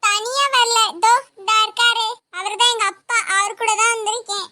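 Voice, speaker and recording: High-voiced performer as a timid village girl, meek, tearful, very high pitch, noisy recording. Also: level tone, moderate pace, pushed and bright, exaggerated voice. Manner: meek, pleading.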